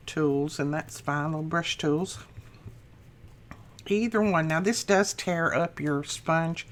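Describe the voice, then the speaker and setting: A middle-aged woman hosts a craft channel, chatting casually through a tutorial in a low-pitched, slightly rough morning voice. She laughs at her own mistakes, and there is slight background noise.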